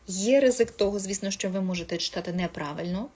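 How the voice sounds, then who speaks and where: Woman teacher chatting about learning english, lots of ums and restarts, middle pitch. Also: quick pace, a little mellow. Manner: chatty, many fillers and self-corrections. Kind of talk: casual advice talk.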